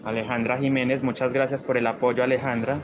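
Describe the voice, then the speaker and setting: A man's voice: mid-range voice, little pitch movement, a little fast, noisy background. A man with a Colombian paisa accent teaching crochet on a live stream, chatting and reading viewer comments as he works.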